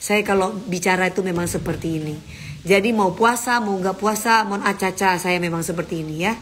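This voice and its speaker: A woman's voice: mid-range voice, a little fast, fairly bright tone, a little hiss or hum. A woman hosting an Instagram live, chatting casually with her viewers and speaking firmly and emphatically. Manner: firm, emphatic, talks straight to commenters.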